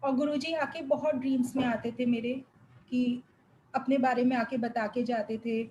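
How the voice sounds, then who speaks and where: A young woman with a high voice tells a spiritual testimony to a gathered congregation. She speaks earnestly and with feeling, slipping English words into her talk. Faint noise sits behind her. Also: fairly even intonation, moderate pace, warm tone, lo-fi sound. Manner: earnest, emotional storytelling with English words mixed in. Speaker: devotee sharing a testimony.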